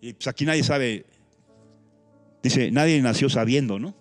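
A man preaching a sermon as a pastor, animated, with sudden leaps in pitch, thinking aloud with restarts and asides. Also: moderate pace, dry recording, faint music behind.

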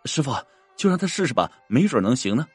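A man voicing a normally gentle woman emergency doctor, speaking with urgent pleading. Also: mid-range voice, big pitch swings, quick pace, slightly rough, dry recording, faint music behind, pitched above the performer's own voice.

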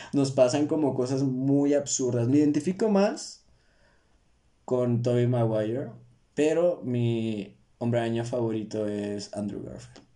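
A man's voice: medium pitch, a little slow, dark tone. Young Mexican male podcast host, casual joking monologue, self-deprecating, slang-heavy. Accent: Mexican Spanish.

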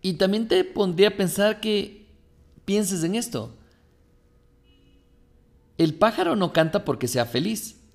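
Motivational podcast host, male, gravelly and a bit high, preachy rhetorical questions. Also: measured pace, long pauses, a little mellow. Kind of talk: motivational monologue.

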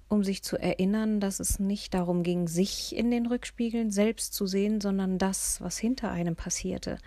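A woman reading a humorous first-person story aloud, lively, often dropping into hushed whispers. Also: medium pitch, dry recording. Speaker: audiobook narrator.

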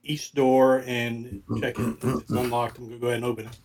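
A man in a tabletop game session, talking in a laid-back, deliberate way. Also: medium pitch, little pitch movement, darkish tone, a little hiss or hum. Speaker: player.

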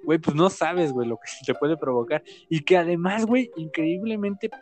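A man in his twenties from Mexico with a Mexican accent, chatting casually with crude slang and animated storytelling. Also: a little high, normal speed, soft background music. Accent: Mexican Spanish. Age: 20s. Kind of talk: casual chat.

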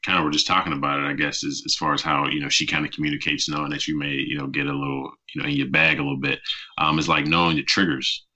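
Male podcast host, extremely deep and punchy voice, loose rambling questions. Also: level tone, fast, pushed and bright. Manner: rambling questions full of "you know", affirming "mm-hmm". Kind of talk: casual interview questions. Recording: slightly dull podcast audio.

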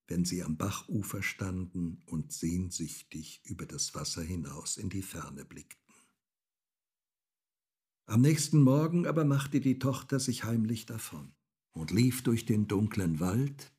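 Calm male storyteller for fairy-tale narration, slow and low, husky. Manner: measured, calm reading.

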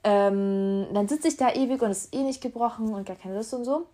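A woman's voice: fairly high pitch, fairly quick. Young woman, casual storytelling, acts out dialogue, incredulous. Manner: animated, acts out dialogue with rising disbelief.

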